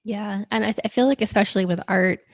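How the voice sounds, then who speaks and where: A woman's voice: mid-range voice, fast, dry recording. A woman co-hosting a podcast who gives her view tentatively and hedges her opinions. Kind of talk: casual interview conversation.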